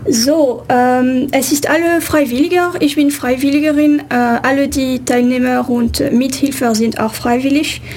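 A woman's voice: high voice, fairly even intonation, normal speed, few pauses, darkish tone, slight background noise. A woman photographer from France with a French accent, answering radio interview questions in hesitant, non-native German with frequent fillers.

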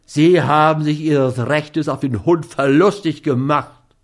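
A man voicing a stern, commanding gentleman. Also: a little high, slow pace. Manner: forceful, stern, threatening. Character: commanding, stern adult man, mining expert.

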